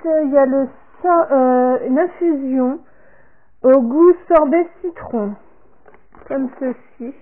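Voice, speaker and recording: Woman vlogger, casual unboxing talk to camera, halting, thin phone-line sound. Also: sits high, slight background noise. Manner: slow and halting, repeats "comme ceci" and "voilà", trails off softly. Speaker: vlogger showing a product order.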